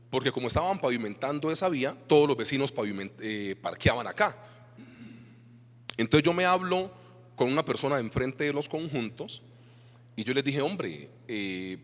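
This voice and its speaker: A man's voice: mid-range voice, a bit bright. A male pastor from Colombia with a Colombian Spanish accent, preaching a sermon and putting rhetorical questions to his congregation. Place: church hall. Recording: reverberant church hall.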